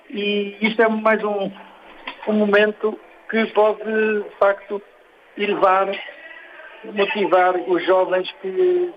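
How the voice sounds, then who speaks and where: High-pitched Portuguese man on a dull, noisy line. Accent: European Portuguese. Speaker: sports federation president being interviewed. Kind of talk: spontaneous interview remarks.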